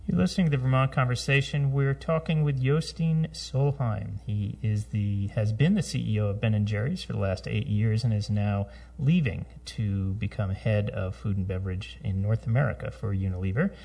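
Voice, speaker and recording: A man hosting a radio interview, reading introductions and sponsor credits in a measured announcer manner. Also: lowish voice, vocal fry, a little mellow, distant mic. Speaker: radio show host.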